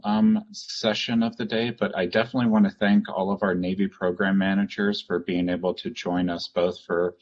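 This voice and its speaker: Male moderator, low and husky, informal with fillers, heard through dull video-call audio. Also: darkish tone. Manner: conversational, filler-heavy wrap-up. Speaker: panel moderator. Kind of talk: hosting a virtual panel.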